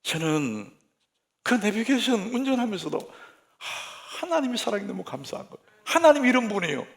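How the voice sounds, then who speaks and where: Gravelly, animated Korean pastor preaching. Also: male voice, high-pitched, normal speed. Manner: lively anecdotal storytelling, humorous. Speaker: senior pastor. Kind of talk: sermon.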